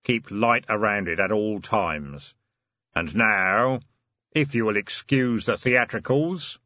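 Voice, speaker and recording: A man voicing a hooded, broad male stranger who speaks in a deep, slow, solemn way. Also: animated, sharp tone, no echo, highs cut off, exaggerated voice. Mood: grave.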